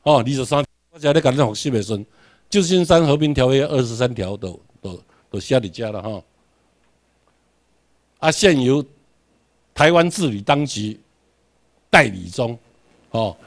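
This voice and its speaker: A man with a Taiwanese Hokkien accent, from Taiwan, giving a classroom lecture in a repetitive, emphatic way and drilling his class on English words. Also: mid-range voice.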